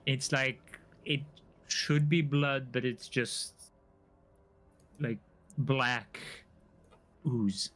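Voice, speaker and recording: A man running a tabletop role-playing session, talking at an unhurried, drawn-out pace. He hesitates often, filling gaps with ums and restarting sentences as he plays a wary shopkeeper. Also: medium pitch, steady tone, fairly bright tone, faint music behind, poor audio. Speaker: game master. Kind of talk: narrating a tabletop game and voicing a shopkeeper.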